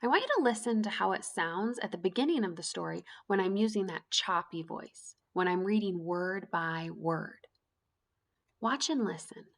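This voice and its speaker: A woman teacher giving a reading lesson to young children, speaking slowly and clearly in an encouraging way. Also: on the low side.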